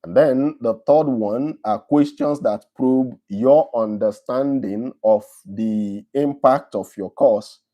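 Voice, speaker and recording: A man from Nigeria with a Nigerian accent, hosting a live stream and reading out viewer questions before answering them in a relaxed, conversational way. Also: mid-range voice, slow, hardly any pauses, muffled recording.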